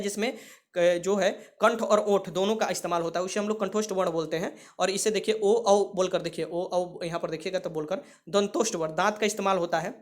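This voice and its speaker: High-voiced teacher drilling sounds. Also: male voice. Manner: explains patiently, repeats and drills sounds aloud. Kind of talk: exam revision lesson.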